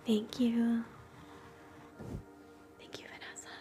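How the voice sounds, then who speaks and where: A woman whispering softly through an ASMR scalp-exam role play, chatting gently with live viewers between slow steps. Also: a little high, completely flat delivery, loud music behind the voice. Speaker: ASMR livestream host.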